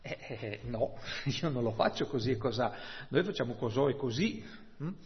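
A man preaching a sermon, expounding scripture slowly and emphatically, often checking in with "no?" and "hm?". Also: medium pitch, lively intonation. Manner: slow, emphatic Bible exposition with rhetorical "no?" and "hm?". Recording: dull, long-reverb church hall sound.

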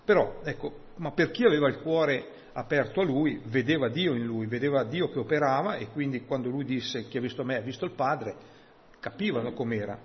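A man's voice: medium pitch, brisk. Man, informal sermon, conversational, reads scripture aloud, long hall reverb, dull sound. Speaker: preacher.

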